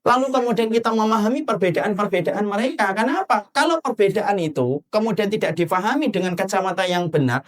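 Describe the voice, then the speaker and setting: A man from Java giving an animated sermon, asking the audience questions and acting out little scenes. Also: high-pitched, fast, hardly any pauses. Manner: animated, rhetorical questions to the audience, acts out husband and wife. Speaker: preacher.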